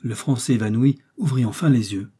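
Male audiobook narrator, measured, dramatic, husky, mellow. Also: mid-range voice. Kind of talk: scripted narration.

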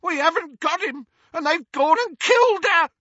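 Shrieking brute of a dark wizard, as a man puts him on. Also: fairly high pitch, big pitch swings, moderate pace, husky, no room sound, voice pushed up, full character voice. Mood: panicked. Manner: shrieking, bellowing, coarse. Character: uncouth brutish male dark wizard, coarse and bullying. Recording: slightly dull, dry recording.

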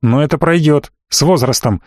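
A man's voice: on the high side, moderate pace, darkish tone, no echo, studio quality, lightly acted. A man reading an audiobook, voicing a cold, defensive middle-aged baron who speaks in a clipped, blustering way. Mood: angry, blustering.

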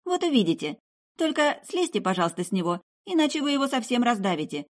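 A woman reader voicing a polite, calm young woman who mends souls, speaking in a gently teasing, courteous way. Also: on the high side, fast talker, pitched above the performer's own voice.

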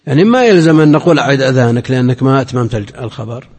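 A man's voice: medium pitch, lively intonation, very fast, a little mellow, breathy edge. A man, a religious scholar, giving a classroom lecture and explaining grammar point by point. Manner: explains grammar point by point, chanting quoted phrases. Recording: long hall reverb.

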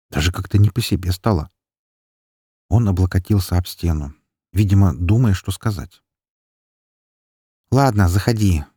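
A man narrating a first-person story in a calm, measured audiobook reading. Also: deep voice, breathy edge, no room sound, studio quality.

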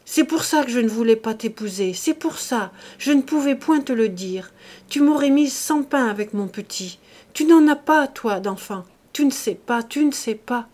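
A woman's voice: a little high, animated, normal speed, a little mellow, voice pushed up. A woman reading aloud, voicing a distraught young peasant wife who sobs and pleads. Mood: pleading, tearful. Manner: sobbing, pleading.

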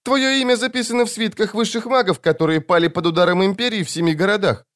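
An eerie child-voiced smoke demon. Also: male voice, fast talker. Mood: eerie calm. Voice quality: childlike high voice. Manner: quiet, eerily calm.

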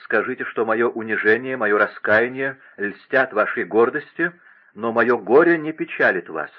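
A man's voice: medium pitch, normal speed, dull audio, natural voice. A man voicing a young, imperious king who speaks with passion and vehemence. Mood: impassioned. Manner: impassioned, vehement.

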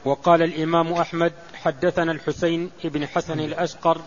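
Male student reader, monotone formal recitation, fairly high voice, muffled lo-fi tape with faint hiss. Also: quick pace. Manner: steady, even reading. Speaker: student reading the text aloud. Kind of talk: formal recitation of hadith chains.

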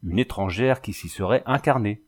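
A man's voice: fairly low pitch, normal speed, close to an everyday voice. A man voicing an anxious, bookish young husband in a storybook reading, pressing with urgent questions. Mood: agitated.

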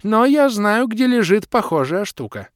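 A cheerful old creature voiced by a man speaks in a raised, lively, folksy voice, full of sayings and omens. His lines swing up and down in a dry, close recording for an audiobook. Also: high-pitched, unhurried, no room sound, voice pushed up. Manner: folksy, rhyming, superstitious. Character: old male lokhr creature, cheerful, cryptic.

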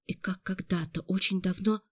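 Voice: mid-range voice, fairly even intonation, normal speed, darkish tone, no echo. A narrator reading a tense audiobook in a dramatic storytelling manner.

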